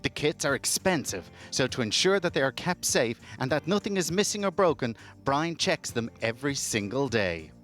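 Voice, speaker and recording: A man's voice: medium pitch, big pitch swings, moderate pace, hardly any pauses, fairly bright tone. A man reading scripted narration as a television reporter. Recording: voice-over with clear music bed.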